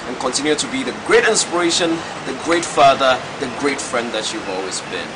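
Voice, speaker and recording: A man's voice: mid-range voice, fairly quick. A man from Ghana giving an emphatic, effusive birthday tribute. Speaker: stage play producer and admirer. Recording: loud traffic and air-con noise behind.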